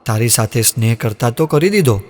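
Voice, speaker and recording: A man's voice: medium pitch, lively intonation, fairly quick, darkish tone, lightly acted. An actor playing a dignified older king who speaks with sorrow about parting with his daughter. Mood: sorrowful. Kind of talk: devotional audio drama. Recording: long reverb, music underneath.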